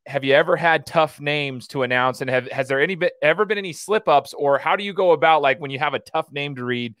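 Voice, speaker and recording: Fast-talking man, enthusiastic podcast host. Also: a little high, fairly bright tone, dry recording, clean studio sound. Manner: enthusiastic, rambling. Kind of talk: casual interview chat.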